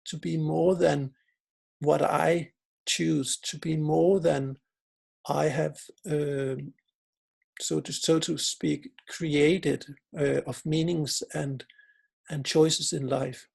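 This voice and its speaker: A Danish philosopher and researcher gives a reflective conference talk in English, his second language, often restarting and searching for words. His voice is fairly high, gravelly and a little mellow, with a breathy edge.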